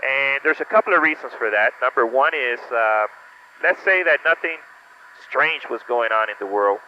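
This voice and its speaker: A man talks casually through a pilot cockpit headset, the audio dull and muffled. Faint engine hum sits under his voice. He rambles, with many "uh" fillers, at a middling pitch. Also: lively intonation, moderate pace. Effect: pilot cockpit headset intercom. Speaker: pilot and vlog host. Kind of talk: casual vlog talk while flying. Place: small plane cockpit in flight. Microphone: aviation headset boom mic.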